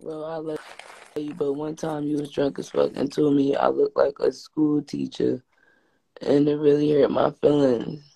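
A woman's voice: sits low, little pitch movement, measured pace, vocal fry, warm tone, poor audio. A woman from Newark, brash and profane in casual comedic banter. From Newark, New Jersey.

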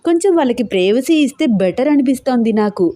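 A woman voicing a cheerful young woman who gently teases her friends in an audio story. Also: fairly high pitch, expressive, fast, no echo, voice pushed up, natural voice. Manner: lighthearted, coaxing.

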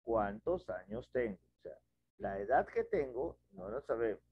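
Teaching an online class from a small home room, a middle-aged man wearing a headset patiently guides students through a math problem at the whiteboard, step by step with questions. His voice is lowish, very animated, unhurried and a little breathy, over dull lo-fi video call audio.

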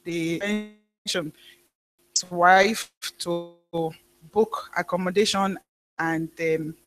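A woman pastor preaching a sermon, telling a story in a halting way with frequent restarts. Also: on the low side, steady tone, fairly bright tone, faint music behind.

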